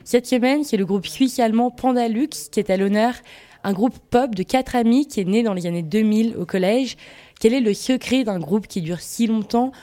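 A woman's voice: a little high, normal speed, mellow. A woman hosting a live radio show, announcing the programme in a friendly, scripted way into a studio microphone. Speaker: radio host.

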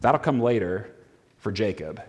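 A man preaching a conversational sermon in a casual, animated way, full of fillers and restarts, heard in a reverberant church hall. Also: lowish voice, unhurried. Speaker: pastor.

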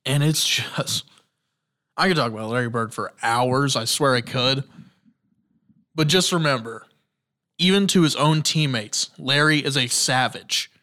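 A man's voice: mid-range voice, a little slow, pauses often, sharp tone. A man hosting a casual solo sports podcast. He tells stories with enthusiasm and rambles, often restarting sentences and using fillers. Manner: enthusiastic storytelling. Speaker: podcast host.

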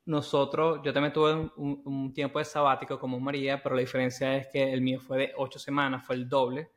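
A man co-hosting a casual chat, halting and repeating words as he goes. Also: mid-range voice, little pitch movement.

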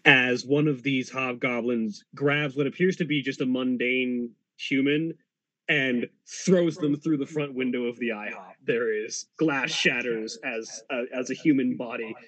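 A man's voice: mid-range voice, steady tone, a little slow, a bit bright, no room sound, poor audio. A man narrating an improvised tabletop role-playing game as game master.

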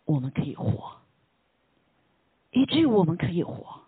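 A husky preacher speaks with a lively, swinging pitch, giving a casual sermon full of questions put to the listeners. English words slip into the talk, and many lines end on a soft "ha". The sound is thin and phone-like, with a dry, close feel and no room echo. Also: moderate pace. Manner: asks the listeners rhetorical questions; mixes English words into Chinese speech. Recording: tinny phone-like line, dry.

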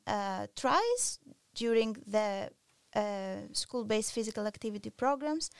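A woman researcher from Greece, explaining her findings in a podcast interview in a measured way, pausing often with filler sounds. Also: on the high side, creaky, clean tone, no room sound. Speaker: researcher guest.

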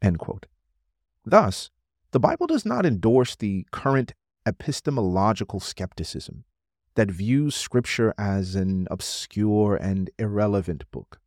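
Low-voiced guy reading a scholarly religious book out loud, formal and measured, really dry close sound. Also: sing-song, no echo. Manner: formal, measured, announces quotations. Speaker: narrator reading a theological text aloud. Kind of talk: scripted audiobook-style narration of a scholarly religious text.

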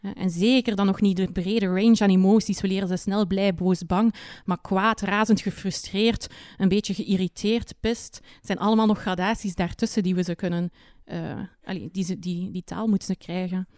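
An earnest woman explains methods as an expert on a panel. Her voice is mellow and dark, and the sound is dry and close. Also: mid-range voice, fairly even intonation, normal speed, dry recording. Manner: earnest, often adds tag "hè". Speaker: book author, childcare expert.

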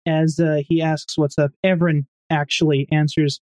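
A woman playing a tabletop game, talking casually in a dry, matter-of-fact way and quick to correct others. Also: deep voice, level tone, darkish tone, no echo.

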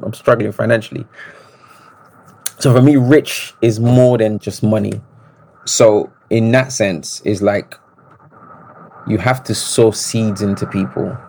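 A man, telling stories as a podcast guest in an animated, reflective way. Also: fairly low pitch, vocal fry. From Congo. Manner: reflective, animated storytelling with restarts. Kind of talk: casual interview conversation.

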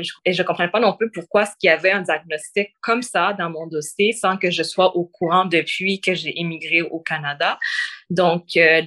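A woman's voice: fairly low pitch, a bit bright. A young woman in her twenties with a Québécois French accent, answering interview questions thoughtfully with frequent hesitations. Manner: thoughtful, frequent fillers and restarts. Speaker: interview guest.

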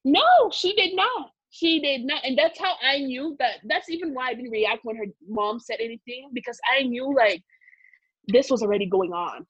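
A woman's voice: high voice, expressive, moderate pace, a bit bright, breathy edge, no echo, muffled recording. A woman from Congo telling a personal story in a casual, emotional, rambling way full of fillers.

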